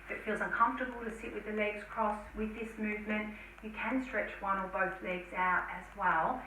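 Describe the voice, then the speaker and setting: A woman teaching a guided yoga class, giving slow, soothing cues with soft sighs, recorded indoors. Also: mid-range voice, fairly even intonation, slight background noise. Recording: echoey room from a distance.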